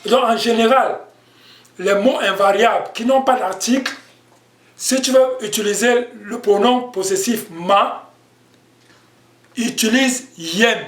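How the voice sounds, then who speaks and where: A man with a high voice teaches a language lesson at an unhurried pace, patiently repeating his points. The sound is echoey, as if recorded in a bare room. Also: a bit bright. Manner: slow, patient explaining with repetitions.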